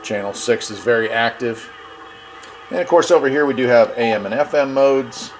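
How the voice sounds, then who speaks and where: A man with a mid-range voice hosts a radio gear review channel, doing a casual hands-on product review at a moderate pace. He talks in a laid-back, folksy way, with slight background noise in the recording.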